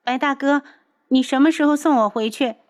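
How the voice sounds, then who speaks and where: 一位女性朗读者演绎一个黏人又爱哭诉的年轻女子，语气哀求。. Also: female voice, high-pitched, brisk, voice pushed up, natural voice. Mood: whiny pleading. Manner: tearful pleading. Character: whiny clingy young woman.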